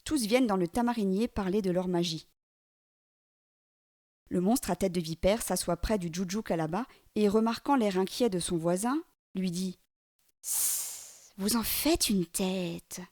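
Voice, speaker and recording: A woman storyteller reading a children's book aloud in a clear, steady narration. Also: medium pitch, moderate pace, dry recording, studio quality.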